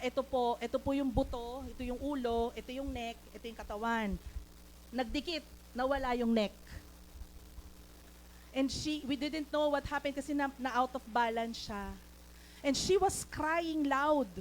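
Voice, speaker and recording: A woman's voice: high voice, rough recording. Filipino woman, church sermon, raised voice, faint hum behind. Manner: mixes English into Tagalog, calls for amens. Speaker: lay preacher.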